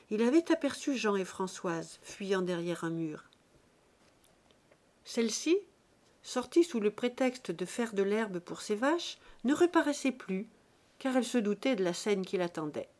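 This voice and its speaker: A woman's voice: on the high side, a little mellow. Woman reading a novel aloud. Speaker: audiobook reader. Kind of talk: literary narration.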